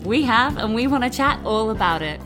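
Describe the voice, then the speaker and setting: A woman's voice: fairly high pitch, expressive, fairly quick, music in the background. A woman co-hosting a podcast in casual chat, with playful, jokey asides. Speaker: podcast co-host.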